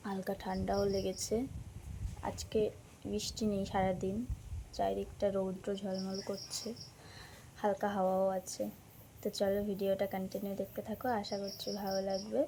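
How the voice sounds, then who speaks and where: A woman with a hoarse, sore throat, chatting casually to her viewers as a daily vlogger. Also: mid-range voice, monotone, moderate pace, mellow, a little hiss or hum. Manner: chatty, addresses viewers directly. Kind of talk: casual vlog narration.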